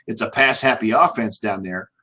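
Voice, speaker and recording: A man hosting casual sports talk in a halting way, often repeating words as he goes. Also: fairly low pitch, pushed and bright. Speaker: sports show host.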